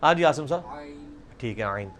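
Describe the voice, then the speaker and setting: A man's voice: medium pitch, lively intonation. A middle-aged man with a Punjabi accent teaching a pronunciation class, drilling sounds aloud and calling on students. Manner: demonstrates sounds by repeating them slowly and loudly, drills students by name. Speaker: religious teacher. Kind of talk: classroom lesson on Quranic pronunciation.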